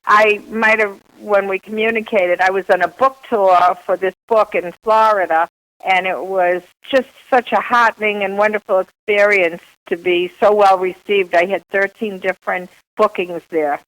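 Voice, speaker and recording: A woman's voice: medium pitch, steady tone, moderate pace, a bit bright. An older woman with a Boston accent telling her life story as an author being interviewed, in a reflective, wordy way over a phone line.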